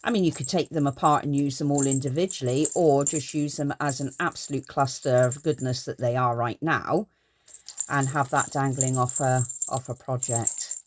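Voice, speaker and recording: A woman's voice: a bass voice, steady tone, moderate pace. A middle-aged woman chatting casually through a craft haul in her garden craft room, gushing and rambling. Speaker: craft vlogger.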